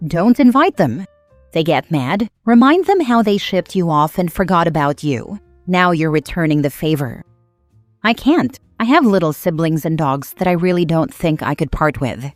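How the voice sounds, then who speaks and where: A woman with a somewhat low voice reads Reddit posts and comments aloud in a steady, even manner. Her voice sits close and dry on the mic. Faint background music runs beneath the narration. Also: no room sound.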